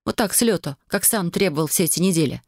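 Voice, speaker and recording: A man voicing a sharp, defiant young wife who speaks with sarcasm and accusation in an audiobook. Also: lowish voice, expressive, quick pace, dry recording, clean studio sound. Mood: sarcastic, accusing. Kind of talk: audiobook character voice.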